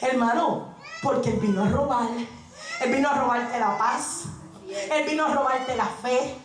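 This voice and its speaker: A woman's voice: high voice, unhurried. A woman evangelist preaching a sermon, fiery and humorous, calling out to the congregation. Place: church sanctuary. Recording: very echoey church with congregation. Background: congregation answering amen.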